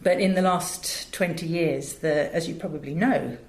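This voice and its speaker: In an echoey indoor setting, the interview guest, a middle-aged British woman who directs audio and teaches drama, speaks in a low, darkish voice at a moderate pace, telling anecdotes about her work with clarity and emphasis.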